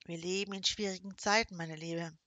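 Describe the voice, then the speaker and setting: A smug, menacing middle-aged nobleman , as read by a woman, speaking in a silky, mocking and condescending way. The voice sits low and comes across bright and forceful, close and dry as in an audiobook. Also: fairly even intonation, normal speed, no room sound. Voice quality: croaking when pained.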